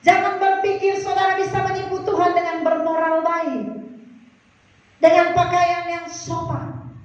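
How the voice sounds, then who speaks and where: A woman pastor preaches with a very high, sing-song cadence, telling a story and acting out its characters for the congregation. Her voice rings through a large, echoing church hall. It is picked up from a distance and sounds dull. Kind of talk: sermon.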